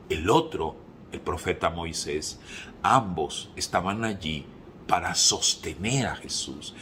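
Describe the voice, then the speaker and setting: A man preaching a sermon, fervent, moving between hushed passages and emphatic peaks. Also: low voice, a little hiss or hum.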